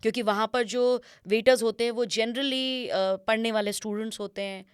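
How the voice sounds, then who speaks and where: A woman's voice: a little high, steady tone, moderate pace, clear, resonant tone, dry recording, studio quality. A woman speaking as an image consultant and guest, explaining points patiently in an interview and mixing English phrases into her speech. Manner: instructive, mixes English phrases into Hindi.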